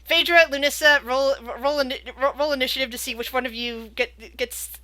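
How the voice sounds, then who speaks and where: A woman game master with a very bright, slightly high voice. She improvises scene descriptions for a tabletop game, often doubling back on words as she searches for the next phrase. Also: fairly even intonation. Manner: halting, repeats words while searching for phrasing.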